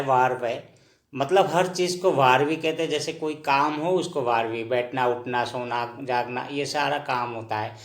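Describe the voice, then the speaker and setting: A male teacher walks through a word list at an unhurried, deliberate pace, saying each term twice and pausing to check in with his viewers. His mid-pitched voice rings in a roomy, echoey space. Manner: repeats words slowly, checks in with "ठीक है दोस्तों". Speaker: language teacher. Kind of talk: slow spoken lesson, explaining word by word.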